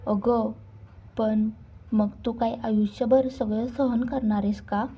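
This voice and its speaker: A woman voicing a lively, teasing young woman who looks out for her friend in a read-aloud story. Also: fairly high pitch, slow pace, slightly rough, muffled recording, exaggerated voice. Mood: worried. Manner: teasing and protective.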